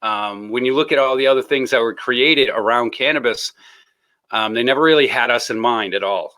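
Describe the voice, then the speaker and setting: A man's voice: medium pitch, moderate pace, bright, forceful tone. A man hosting a casual live stream, joking, laughing and rambling as he greets his guests.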